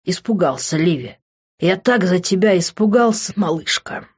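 Brief: narrator doing a young male lover, low and soft-spoken, muffled audio. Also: expressive, normal speed, slightly rough. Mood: tender. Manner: low, hushed pleading. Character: young man, brusque lover turned tender.

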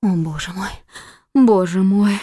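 A man voicing a frightened, desperate young queen in a trembling, pleading falsetto for a storybook audiobook. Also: unhurried, a little mellow, dry recording, studio quality. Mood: anxious. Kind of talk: audiobook character voice.

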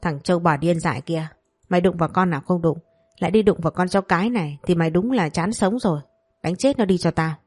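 A woman's voice: on the low side, fast, husky, no echo. Woman voicing an enraged young master hurling abuse. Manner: shouting abuse. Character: enraged eldest son of a rich family.

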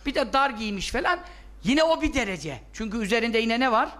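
Male religious teacher, very high, bright voice; scolds and answers his own questions. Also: animated, fairly quick. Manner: scolding, fires rhetorical questions and answers them. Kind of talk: religious lesson talk.

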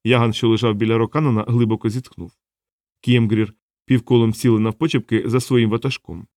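A man reads a novel aloud in an even, steady storytelling manner. His voice sits in a middle register. The recording is dry, with no room sound. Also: mid-range voice, brisk, no echo. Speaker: audiobook narrator. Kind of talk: scripted narration.

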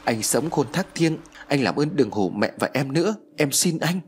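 A man's voice: medium pitch, lively intonation, moderate pace, breathy edge. A man voicing a frightened young widowed mother in a spoken ghost story, pleading and anxious.

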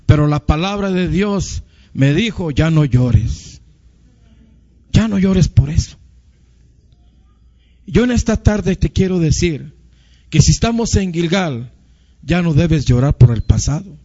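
A man's voice: on the high side, measured pace, long pauses, warm tone. A male preacher giving an impassioned sermon, often addressing his listeners as brothers. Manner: impassioned, repeats "hermanos". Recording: muffled lo-fi recording.

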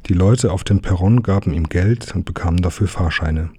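A man calmly reading a children's novel aloud as narrator. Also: low voice, breathy edge. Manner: calm, measured storytelling. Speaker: audiobook narrator. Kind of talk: scripted narration.

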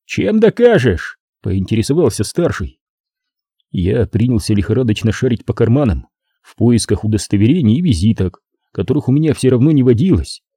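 A man narrating a first-person novel as an audiobook in a measured storytelling manner. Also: lowish voice, expressive, warm tone, breathy edge, no room sound, clean studio sound.

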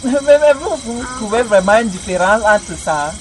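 A woman's voice: mid-range voice, lively intonation, moderate pace. A woman taking part in a heated religious debate, defensive and repeatedly trying to explain her point. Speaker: debate participant. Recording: noisy background.

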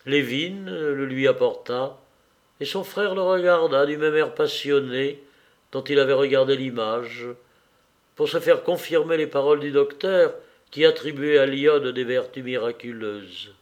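A man reading a novel aloud as an audiobook, measured and even. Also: medium pitch. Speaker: audiobook reader.

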